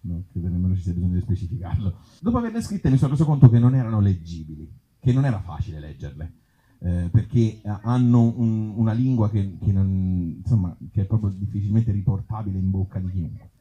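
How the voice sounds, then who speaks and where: An author and actor presents his own book in an informal live stage talk at an outdoor festival in an olive grove. His low, warm voice is expressive and quick, and his manner wry and self-deprecating. The audio has its highs cut off.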